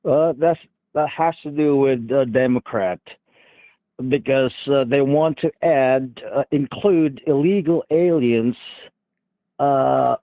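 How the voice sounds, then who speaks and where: A man's voice: medium pitch, dry recording. Hesitant man in his fifties on a phone line. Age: 50s. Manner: hesitant, many pauses and filler sounds. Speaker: caller.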